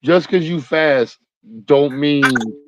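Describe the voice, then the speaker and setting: A man's voice: on the high side, slow, dry recording, soft background music. A man co-hosting a casual sports chat, blunt and profane, joking and saying "like" a lot. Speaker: podcast co-host. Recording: dry, slightly dull sound.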